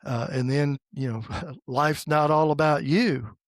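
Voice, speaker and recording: A man in his sixties from the United States, hosting a podcast in a casual faith conversation and pausing often with fillers and restarts. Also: fairly high pitch, steady tone, no room sound, clean studio sound. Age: 60s. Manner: halting, with many fillers and restarts. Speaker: podcast host.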